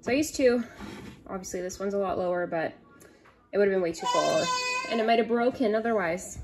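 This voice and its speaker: A home cooking vlogger in her thirties records on her phone in a home kitchen, narrating casually and rambling with offhand remarks about what she's doing. Her medium-pitched voice is brisk. Clear background noise and kitchen clicks can be heard.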